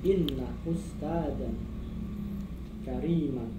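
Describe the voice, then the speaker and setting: A male student slowly and carefully reading out Arabic example phrases for his teacher. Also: medium pitch. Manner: reads slowly and carefully, repeating on request. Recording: roomy with faint background noise.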